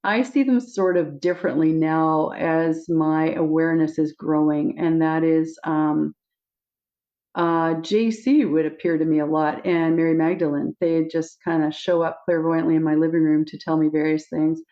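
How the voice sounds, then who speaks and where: Giggly woman recounting visions, lo-fi sound. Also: moderate pace. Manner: giggly, animated, acts out quotes with high squeaky voice. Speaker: guest. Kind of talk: casual spiritual storytelling. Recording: dull lo-fi audio.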